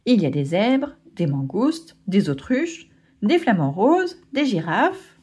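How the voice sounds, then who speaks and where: A woman narrating a children's storybook aloud in an expressive way. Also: medium pitch, slow pace, breathy edge. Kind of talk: storybook reading.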